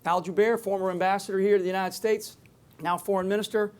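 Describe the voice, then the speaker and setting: On stage, this man talks about security to a live audience without a script, rambling with emphasis and repeatedly restarting sentences. His high voice is smooth and level-toned, moving at a quick pace.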